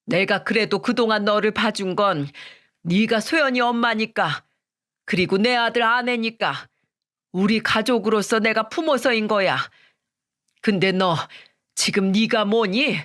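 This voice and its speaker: A woman's voice: medium pitch, a little slow, fairly bright tone, natural voice. A stern older mother-in-law scolds in a firm, controlled voice, holding her anger down, as a woman acts her out. It sounds like a read-aloud radio story. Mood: stern scolding.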